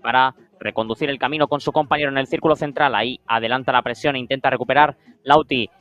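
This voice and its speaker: A man's voice: mid-range voice, steady tone, fast talker, fairly bright tone, highs cut off. A man with a Spain Spanish accent giving live play-by-play of a beach football match in short descriptive phrases. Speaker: sports commentator.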